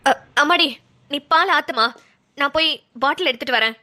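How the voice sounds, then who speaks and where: A woman plays a patient, soothing older mother-in-law in a cartoon, full of fond endearments. The voice is very high and bright, recorded dry and close. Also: moderate pace, no echo. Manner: gentle, calming, endearing terms. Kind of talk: cartoon voice acting.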